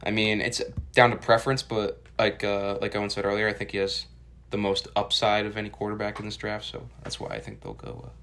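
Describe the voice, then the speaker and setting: A man's voice: on the low side, brisk, creaky, fairly bright tone. A man co-hosting a casual sports podcast, blunt and direct. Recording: faint noise.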